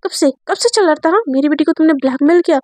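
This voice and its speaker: A domineering rich father barking threats and scolding, as a woman narrator puts him on in her own high voice. The sound is dry and close. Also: quick pace, a little mellow, no room sound, close to an everyday voice. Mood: threatening. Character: angry powerful businessman father, domineering.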